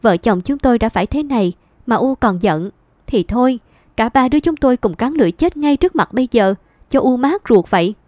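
A woman reader voices a poor young son caught in a family quarrel, pleading and tearful. His voice sits higher and louder than the narration, and it begs without letting up. The reading is dry and close. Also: expressive, fairly quick, dry recording, natural voice. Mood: begging.

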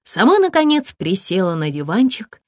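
A woman reads an audiobook aloud in a measured, expressive style, her voice sitting in the mid-range. This is scripted narration, captured as clean studio sound with no room noise.

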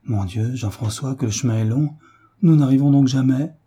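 A man's voice: medium pitch, moderate pace, dark tone, breathy edge, natural voice. A man reading the part of a frightened young mother, speaking with anxious urgency.

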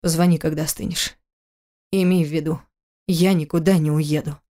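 A woman's voice: fairly even intonation, a little fast, mellow, natural voice. A woman doing a brooding, growling husband. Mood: resentful. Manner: low, growling and resentful. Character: brooding grown man, estranged husband. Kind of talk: audiobook character reading.

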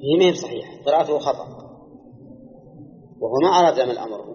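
A man with a Najdi Arabic accent gives a measured religious lesson, pausing to put questions to his students. The archival recording sounds dull and muffled, and a long reverb trails off the walls of the hall. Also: mid-range voice, mellow. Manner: measured, explanatory, quizzes listeners. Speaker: Islamic scholar teaching Quran exegesis. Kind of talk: classroom lecture with questions to students.

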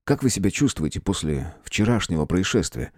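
A man reading an audiobook, voicing a calm, formal gentleman detective with measured, courteous speech. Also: deep voice, slightly rough, no echo, studio quality, full character voice. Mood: firm. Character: calm, firm gentleman detective of old times.

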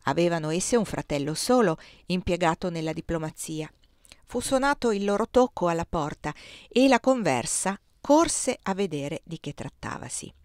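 Woman reader, expressive measured storytelling, dry close sound. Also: on the low side, dry recording. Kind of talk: reading a historical memoir aloud.

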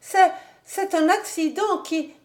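A woman's voice: very high-pitched, slow, voice pushed up. A woman reading a storybook aloud and voicing a fretful, timid young wife who speaks anxiously and stammers.

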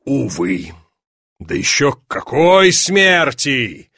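A man reading an audiobook, voicing a sly police chief who feigns sympathy and teases with drawn-out pauses. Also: medium pitch, sing-song, bright, forceful tone, no room sound, studio quality, heavily acted. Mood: mock-sympathetic. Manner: measured, drawn-out teasing pauses.

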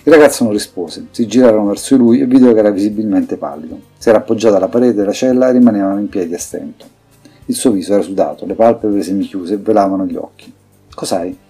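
A man reading scripted fantasy narration in an even, measured way. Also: on the low side, husky. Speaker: audiobook narrator. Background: faint music.

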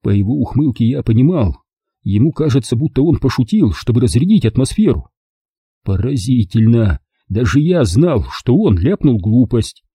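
A man reading a first-person audiobook in a calm, measured way. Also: medium pitch, slightly rough, dry recording. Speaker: audiobook narrator.

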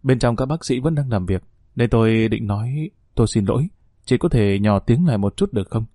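A man voicing a calm middle-aged emergency doctor who gives measured cautions to a worried family. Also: medium pitch, no echo, clean studio sound, close to an everyday voice.

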